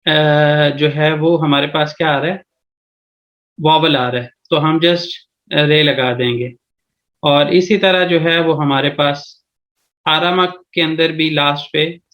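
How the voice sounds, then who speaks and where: A man's voice: on the high side, fairly bright tone. A man with a Pakistani Urdu accent teaching a language lesson over a video call, explaining step by step and often checking in with his listeners. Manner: explains step by step, repeats "theek hai ji".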